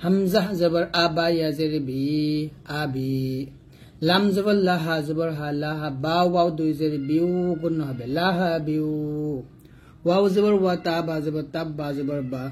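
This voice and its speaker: A man with a Bangladeshi Bengali accent teaching Quran reading, spelling out syllables and reciting them slowly and patiently for learners. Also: fairly high pitch, a little mellow.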